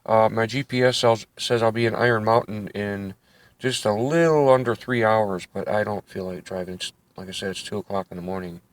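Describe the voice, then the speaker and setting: A man's voice: lowish voice, brisk, no echo. A middle-aged man talking casually to the camera while driving, rambling from one joke and aside to the next. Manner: rambling, jokey, self-interrupting. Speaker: vlogger. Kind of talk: casual road-trip monologue. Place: inside a car on the road at night. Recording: car engine and road noise.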